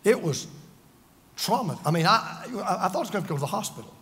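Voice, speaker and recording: A high, very animated male voice with a sharp tone moves at a quick clip. The speaker, a pastor older than fifty, preaches earnestly and emphatically, telling stories about himself with self-deprecating wit, in a large hall with long reverb.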